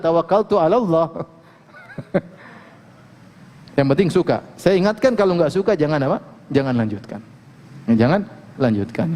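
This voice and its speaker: A man giving a relaxed, joking religious lecture, often asking his listeners questions. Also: sits high, in a large hall. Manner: casual, joking, asks the audience questions. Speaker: Islamic preacher.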